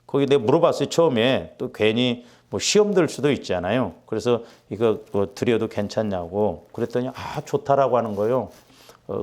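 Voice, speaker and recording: A middle-aged man preaching as a pastor, telling a personal story and acting out the quotes. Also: medium pitch. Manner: animated, acts out quotes with rising intensity. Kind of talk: sermon with storytelling.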